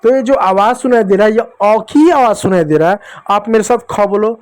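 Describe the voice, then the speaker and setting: A man teaching basic Hindi letters to children, patient and repetitive, sounding out each syllable slowly. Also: sits high. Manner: addresses listeners as children. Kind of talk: classroom lesson for children.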